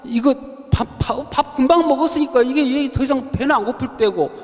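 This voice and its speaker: High-voiced pastor in a reverberant church. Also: male voice, a little fast. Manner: storytelling, conversational, with rhetorical questions to the congregation. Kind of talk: Bible study sermon. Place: church hall.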